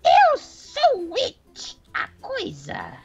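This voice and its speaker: A woman voicing an evil clown in a children's Minecraft role-play, with a giggly, sinister sing-song manner and drawn-out, threatening words. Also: extremely high pitch, wildly swooping pitch, heavily acted. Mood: gleeful menace. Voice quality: creaky, put-on evil voice. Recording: dull lo-fi sound, music behind.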